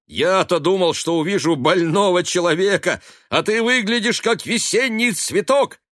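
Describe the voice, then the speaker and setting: A man voicing a loud, jovial young sailor son who talks in a hearty, boisterous way. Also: mid-range voice, lively intonation, normal speed, dry recording, clean studio sound.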